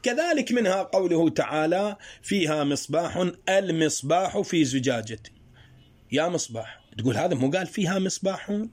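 A man teaching a grammar lesson. He explains slowly through worked examples and asks his students rhetorical questions. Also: on the high side, animated. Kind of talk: spoken Arabic grammar lesson.

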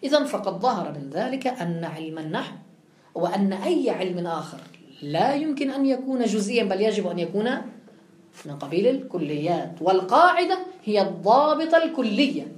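A woman's voice: mid-range voice, big pitch swings, a little fast, echoey room. A woman giving a classroom lecture, explaining step by step and putting questions to her students before answering them. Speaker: teacher.

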